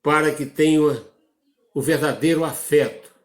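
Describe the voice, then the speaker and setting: Brazilian male pastor, slow deliberate sermon delivery, slightly high voice, echoey church. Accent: Brazilian Portuguese. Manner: slow, measured preaching with dramatic drops in pitch. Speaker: preacher.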